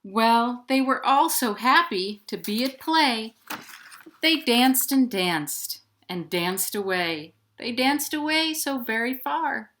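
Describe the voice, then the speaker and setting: A children's librarian hosts a storytime from her home, reading playful sing-song rhymes and addressing young children directly. Her voice is mid-range and a bit bright.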